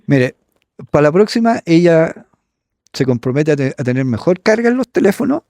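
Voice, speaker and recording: Middle-aged man, guest storyteller, halting and casual with fillers; dry, close phone sound outdoors. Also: on the high side, big pitch swings, dark tone, no echo. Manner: halting, many fillers, voices the people he quotes. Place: cold outdoor patio.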